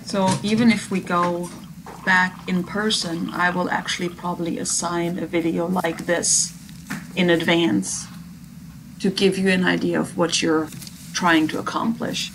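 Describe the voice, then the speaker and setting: Female instructor, slightly low voice, chatty explanatory asides to students, clear background noise. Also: little pitch movement, measured pace. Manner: conversational, addressing students directly. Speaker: biology instructor. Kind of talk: informal commentary over a demonstration video. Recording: clear background noise, video playing behind.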